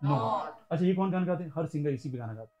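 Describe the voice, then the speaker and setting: A man's voice: fairly high pitch, lively intonation, fast, a little mellow, dull audio, slight background noise. A man with an Indian accent teaching a classroom revision lesson, playfully quizzing and teasing his students as he goes.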